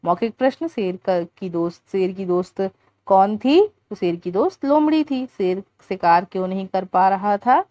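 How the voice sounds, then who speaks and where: A woman teacher reading a primary-school workbook aloud, asking questions and explaining answers at a deliberate pace, with the odd restart. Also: mid-range voice, lively intonation, warm tone, no echo. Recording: dull lo-fi sound.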